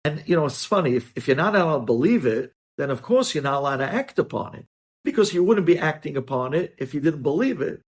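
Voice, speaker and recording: A man speaking as a rabbi teaches religious law, using hypothetical examples, explaining emphatically and repeating key phrases. His voice is fairly high and animated, and he talks at a quick pace.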